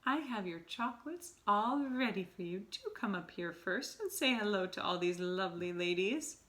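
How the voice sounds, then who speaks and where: A woman voicing the Grand High Witch, a scheming female witch leader who draws out her words slowly and commandingly. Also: expressive, fairly bright tone, natural voice. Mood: syrupy. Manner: slow, drawn-out, commanding counting.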